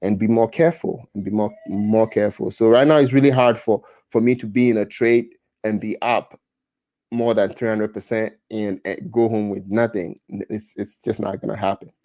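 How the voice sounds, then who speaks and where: This livestream host, a man in his thirties from Ghana, reads viewer comments aloud and chats in a relaxed way with a Ghanaian accent. His fairly low, mellow voice holds a steady tone at normal speed with no echo, though he frequently restarts and repeats himself.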